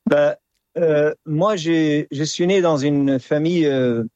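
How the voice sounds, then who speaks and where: A man's voice: a little high, fairly even intonation, slow, a little mellow, no echo, lo-fi sound. A man from Syria giving a hesitant, earnest testimony as a radio guest, restarting his words often. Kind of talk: phone or studio interview testimony.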